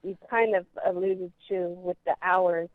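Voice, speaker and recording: A woman's voice: on the low side, fairly even intonation, a little slow, no echo. Woman calling in on a tinny phone line. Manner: hesitant, reading written questions. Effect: over the phone, on speakerphone. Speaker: caller. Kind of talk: call-in question.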